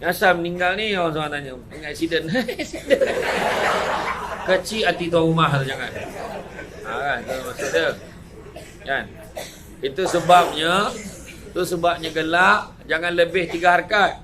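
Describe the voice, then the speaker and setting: A man with a Malaysian Malay accent giving a lively motivational talk, telling anecdotes in an animated way, jumping between loud outbursts and quiet asides and chuckling often. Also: a little high, moderate pace, crowd noise. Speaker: motivational speaker. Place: event venue before a live audience.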